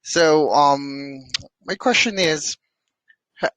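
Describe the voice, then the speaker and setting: A man hosting a community interview and asking questions in a deliberate way. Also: a little high, fairly bright tone, no echo, low-quality recording. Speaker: AMA host.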